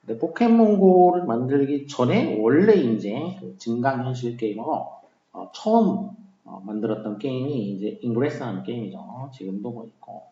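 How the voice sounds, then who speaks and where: A man's voice: medium pitch, expressive, normal speed, dark tone. A man teaching English vocabulary in a casual, conversational lecture style, with many fillers and key words said twice. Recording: roomy, dull lo-fi sound.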